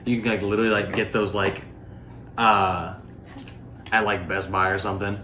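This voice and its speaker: In an echoey room with faint background noise, a man demos a product in an unscripted, rambling and informal way, full of filler words. He speaks at normal speed in a lowish, sharp-toned voice with little pitch movement.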